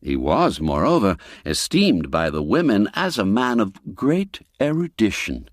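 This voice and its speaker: A man narrating a classic tale in a scripted storytelling style, with an expressive, lilting delivery. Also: lowish voice, measured pace, no room sound, studio quality.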